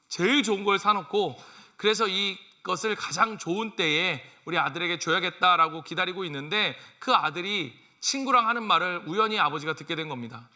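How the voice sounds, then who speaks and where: High bright-voiced pastor preaching. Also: male voice. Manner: animated, asks the congregation questions, acts out family quotes. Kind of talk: sermon.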